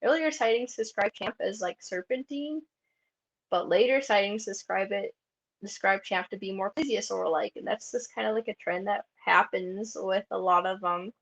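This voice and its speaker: Chatty woman with a gravelly, fry-tinged voice. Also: medium pitch, moderate pace. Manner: chatty, heavy use of "like" fillers. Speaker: convention panel presenter. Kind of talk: casual presentation. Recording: dull lo-fi recording.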